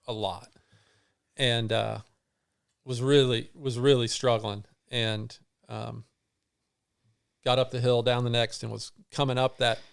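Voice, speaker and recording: Gravelly man telling a story. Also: medium pitch. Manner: halting, many restarts and fillers. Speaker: guest runner. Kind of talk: storytelling interview.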